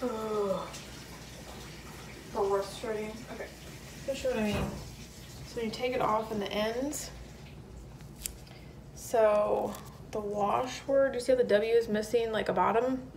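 Slow, with long pauses, a middle-aged woman talks through her decorating in a small home laundry room, chatting casually for her vlog in a mid-range voice with fairly even intonation. Captured by a camera or phone a few feet away, the audio is roomy and distant, with background noise.

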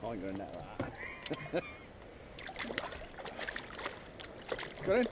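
A man's voice: on the low side, huge pitch swings, drawn-out words. Swearing, joking man on a windy boat. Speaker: angler filming a fishing trip. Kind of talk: casual banter while fishing. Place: small open boat on the sea, outdoors. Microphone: action camera mounted on the boat. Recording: loud wind noise on a camera mic. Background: wind and water.

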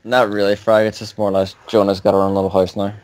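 Talking quickly in a level, lowish, slightly mellow voice, a gamer rambles to his friends over voice chat as they play. He piles on fillers and swears casually. There's no echo on the recording.

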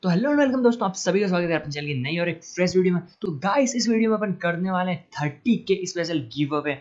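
A man's voice: high-pitched, expressive, fast, highs cut off. Pleading man chatting over a game. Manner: pleading, defensive, keeps saying yaar. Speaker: gaming channel host. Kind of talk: casual prank chat over game voice.

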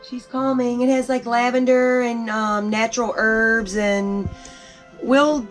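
A woman's voice: fairly high pitch, fairly even intonation, slow pace. A woman chatting casually with her partner inside a camper. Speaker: vlogger. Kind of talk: casual chat. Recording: loud music underneath.

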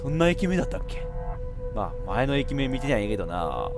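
A man playing a horror game, giving joking running commentary and breaking into sudden shouts. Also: mid-range voice, sing-song, fairly quick, over music. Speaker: VTuber game streamer.

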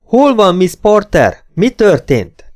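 A man voicing an urgent young gentleman who shouts questions and commands. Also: fairly high pitch, lively intonation, clear, resonant tone, voice pushed up.

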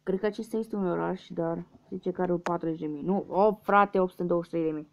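A man's voice: high voice, fairly even intonation, gravelly. A young man from Romania giving casual let's-play commentary, muttering guesses and swearing at losses. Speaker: gaming youtuber. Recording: dull lo-fi mic with faint hiss.

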